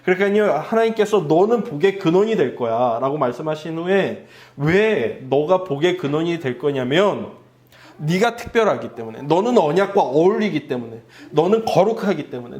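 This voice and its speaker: Korean pastor preaching, earnest, higher-voiced. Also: male voice, lively intonation, a little fast, a little mellow. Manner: earnest, leads the congregation in reading scripture. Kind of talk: sermon.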